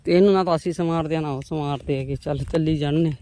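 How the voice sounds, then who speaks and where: A woman's voice: low voice, fairly even intonation, fast talker, mellow. A woman, chatting homely to viewers as she walks outdoors through her farm's vegetable plots. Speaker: vlogger. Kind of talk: casual farm vlog talking to viewers.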